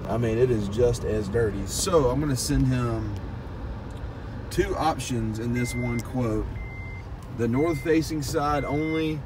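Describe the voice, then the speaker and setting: A young man who owns a pressure washing business chats casually with viewers, calling them "guys," while driving, his medium-pitched voice unhurried. He films on a phone held at arm's length inside a parked or moving car. Road noise plus car and outdoor sounds fill the background.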